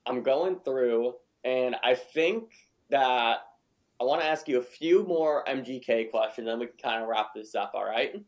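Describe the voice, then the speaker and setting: A man's voice: medium pitch, a little slow. A man hosting a casual podcast interview, easygoing and encouraging, often repeating words as he thinks of the next question. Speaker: podcast host.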